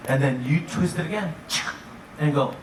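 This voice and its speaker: Speaking at a normal speed in a fairly high voice, this cruise director delivers a comedic live show to guests. He's upbeat and playful, often chuckling at his own humor, and the distant mic picks up plenty of echo and room noise.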